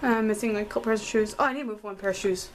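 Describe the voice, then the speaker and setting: A teenage girl, hoarse from a cold, chatting apologetically with lots of fillers as she films a tour of her bedroom. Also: medium pitch, racing, a little hiss or hum, low-quality recording. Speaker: vlogger. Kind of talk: casual room tour vlog. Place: bedroom at home.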